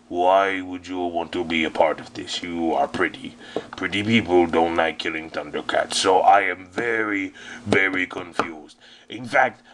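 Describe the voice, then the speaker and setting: A man voicing a vain, scheming male mummy sorcerer villain in a toy figure parody play, with a slow, deep, mock-menacing drawl. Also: a bit bright, slight background noise.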